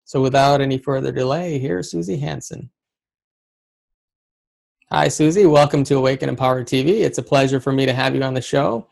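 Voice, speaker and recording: A man's voice: medium pitch, brisk, creaky, a little mellow. A man hosting an interview show, speaking in an earnest, somewhat hesitant way with restarts. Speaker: host.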